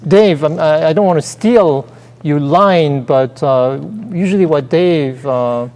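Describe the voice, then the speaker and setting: This co-host speaks slowly in a slightly high voice with a darkish tone. He stumbles through a casual chat show with many fillers and restarts, recorded on a theater stage where the hall's reverb lingers long.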